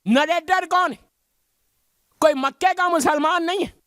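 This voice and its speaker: High-voiced emphatic middle-aged preacher man. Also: fairly bright tone, dry recording, clean studio sound. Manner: emphatic preaching with rhetorical questions. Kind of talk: majlis sermon.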